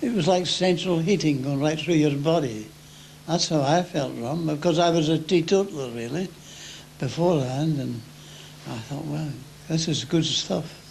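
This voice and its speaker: A very elderly Englishman, a war veteran, remembering his service in an unhurried, anecdotal interview style. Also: fairly high pitch, vocal fry, slight background noise, poor audio. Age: very elderly, 90s or older. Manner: unhurried anecdotal telling, acting out remembered shouts. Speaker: First World War veteran. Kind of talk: old veteran reminiscing in an interview.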